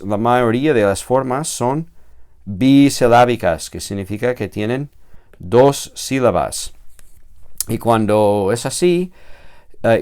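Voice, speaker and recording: A man's voice: mid-range voice, darkish tone, clean tone. A man teaching a recorded grammar lesson, patient and explanatory, repeating key words and checking with "¿vale?".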